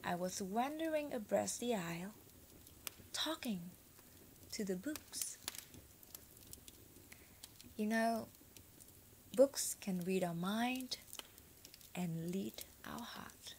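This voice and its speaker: A young woman from Vietnam telling a travel story to camera, soft and breathy, often dropping to a whisper. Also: medium pitch, lively intonation, takes it slowly, pauses often, slight background noise, rough recording. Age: 20s. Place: small indoor room, decorated set.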